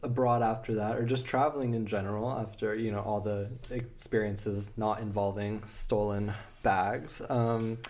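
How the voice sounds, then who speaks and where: A man's voice: fairly low pitch, fairly even intonation, normal speed, hardly any pauses, a little mellow. A man hosting a podcast in casual chat, reacting with short exclamations and asking questions. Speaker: podcast host.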